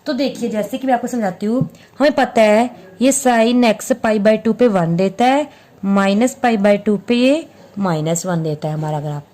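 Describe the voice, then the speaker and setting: A woman with a mellow, fairly high voice teaches maths at a measured pace, patiently explaining graphs. She repeats her points and answers her own questions, speaking Hindi mixed with English maths terms.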